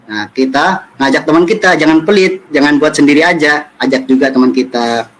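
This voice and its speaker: A man teaching a children's religious lesson, telling stories lively and acting out friends' lines. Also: a little high, rough recording. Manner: lively storytelling, acts out friends' lines, recites Quran verses slowly.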